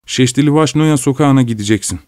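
A man's voice: medium pitch, fast, a little mellow, no room sound, pitched above the performer's own voice, natural voice. A man reading aloud and voicing a drunk, insolent male servant who repeats himself stubbornly; dry, close recording. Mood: obtuse.

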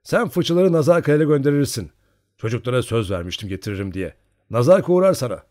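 A man voicing a brisk young Cossack saying goodbye in an audiobook. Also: medium pitch, expressive, a little mellow, no echo, studio quality, voice pushed up, lightly acted. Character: brisk young Cossack son leaving home.

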